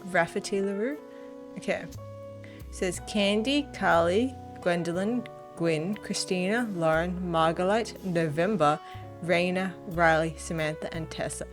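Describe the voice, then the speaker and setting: A woman's voice: fairly low pitch, unhurried, over music. A woman hosting a casual let's-play, chatting in a self-deprecating way and reading game text aloud. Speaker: gaming channel host.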